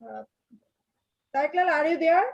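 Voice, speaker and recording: Woman host on a video call, high voice, hesitant with fillers, dull lo-fi audio. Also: animated, moderate pace, creaky, heavy background noise. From Bangladesh. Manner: hesitant, many fillers, repeats requests. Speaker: host of online round table. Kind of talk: hosting a video call discussion.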